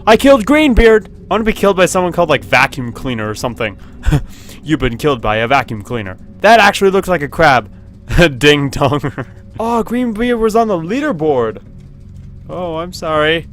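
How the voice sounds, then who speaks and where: A man giving casual, excitable commentary as he plays a video game at his computer, laughing often and yelping when something happens. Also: on the high side, moderate pace, faint music behind. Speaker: gaming video host. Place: at home at a computer with webcam.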